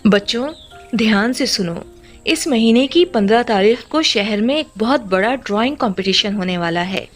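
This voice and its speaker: A woman's voice: fairly high pitch, animated, normal speed, close to an everyday voice. Brief: woman playing a haughty cartoon bird teacher, bossy, over faint music. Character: strict, mocking kite bird teacher, woman.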